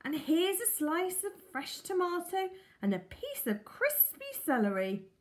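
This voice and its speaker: A woman's voice: very high voice, huge pitch swings, unhurried, voice pushed up, heavily acted. A woman reading a storybook aloud, voicing a sweet, effusive middle-aged woman who dotes on her pet. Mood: doting. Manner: effusive, pleading.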